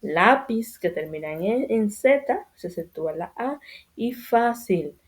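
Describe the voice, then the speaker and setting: A woman teaching a grammar lesson to children, speaking slowly and deliberately and repeating key points for emphasis. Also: medium pitch, lively intonation.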